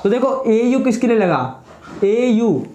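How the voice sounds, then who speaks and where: A very high-pitched, very animated man with a warm tone takes it slowly while teaching English spelling rules in a lesson. Patient and repetitive, he asks rhetorical questions, answers them himself, repeats each point, and says each word twice. The room is echoey.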